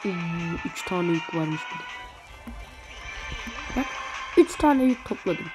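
A woman giving casual, excitable commentary while playing a mobile game for her channel, chatting to viewers and reacting loudly to the match. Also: lowish voice, unhurried. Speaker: gaming channel host. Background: game music.

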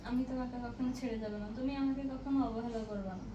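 A woman's voice: on the high side, steady tone, fast, dark tone, roomy sound, far from the mic, highs cut off, a little hiss or hum, lightly acted. A woman playing an indignant young second wife. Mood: tender. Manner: pleading, then indignant questioning. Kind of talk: amateur skit acting.

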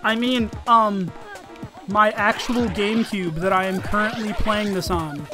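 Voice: mid-range voice, steady tone, a little slow, music in the background. A let's-play host giving casual, rambling gameplay commentary full of fillers and swearing.

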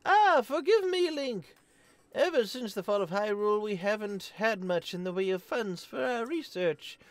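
A man voicing an eccentric old male scientist who speaks in grandiose, excitable, drawn-out boasts. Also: high voice, pitched above the performer's own voice. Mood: pleading.

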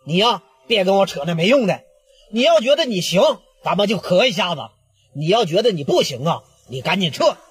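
A man's voice: high voice, very animated, a little fast. A man voicing a brash rival gang leader with a Northeastern Chinese accent, taunting and cocky.

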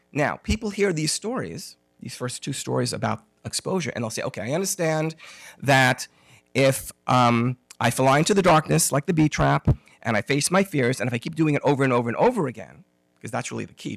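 A man giving a conference lecture on anxiety therapy, telling an animated personal story and acting out the dialogue with self-deprecating humor. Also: mid-range voice, gravelly, breathy edge, dry recording. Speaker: conference speaker on OCD therapy. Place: conference room.

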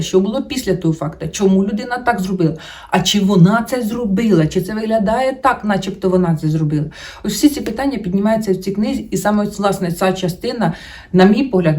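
A woman's voice: mid-range voice, mellow, distant mic. A woman hosting a book channel, chatting casually about her reading, rambling with many fillers and restarts. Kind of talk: casual book-review chat to camera.

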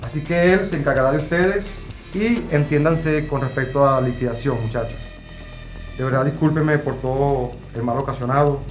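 An apologetic, earnest male store owner, acted by a man in a scripted web drama. His voice is mid-pitched, with faint music behind it. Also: normal speed, lightly acted. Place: indoor clothing store.

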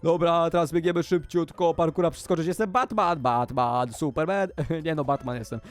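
A young man giving energetic, excited gameplay commentary as a video creator, often squealing with excitement. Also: a little high, normal speed, clean tone.

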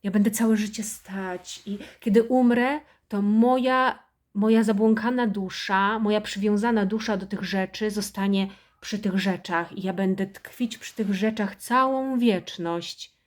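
In this satirical monologue, a woman voices a nagging mother in middle age who is harsh, house-proud and full of self-pity, her tone turning shrill as she scolds. She speaks a little slowly, in a natural voice with fairly even intonation.

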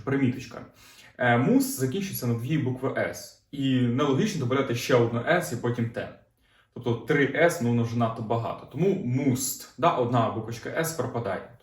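A man teaches German grammar in a calm, explanatory way, going over each point again and asking his learners questions. His voice sits at an ordinary middle pitch. The room gives it a noticeable echo. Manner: explanatory, repeats "знову ж таки", asks learners questions. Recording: roomy echo.

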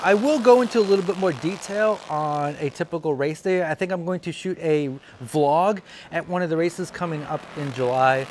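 In a studio with a colored backdrop, a woodworking channel host chats to the camera while standing and gesturing, his speech full of ums and uhs. His slightly high, somewhat mellow voice moves at a moderate pace with hardly any pauses, over slight background noise.

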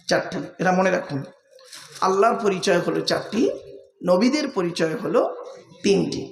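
A male Islamic preacher from West Bengal giving a waz sermon, who keeps asking the gathering questions and drilling their answers. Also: high-pitched. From West Bengal, India. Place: large religious gathering. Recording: echoey public-address sound at a gathering.

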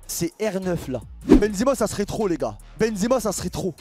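A man with a French accent commenting on a video game pack opening, excitable and shouting at big pulls. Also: sits high, fairly quick, music in the background. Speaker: gaming streamer.

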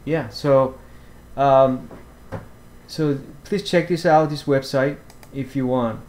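A man walking through fishing apps over a screen recording, talking haltingly with many fillers and restarts. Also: medium pitch, darkish tone, a little hiss or hum. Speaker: fishing vlogger. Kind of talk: screen-share app walkthrough.

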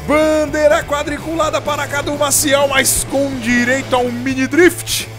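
A man with a Brazilian accent giving live motorsport play-by-play on sim racing, excitable, with drawn-out shouted calls. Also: very high voice, over music. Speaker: motorsport commentator.

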